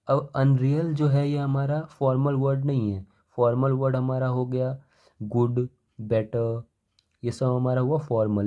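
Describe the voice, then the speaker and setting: Young male teacher, mellow low timbre, slow dictated definitions between casual explanation. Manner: dictates definitions slowly, explains in Hindi-English mix. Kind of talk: exam-focused lecture.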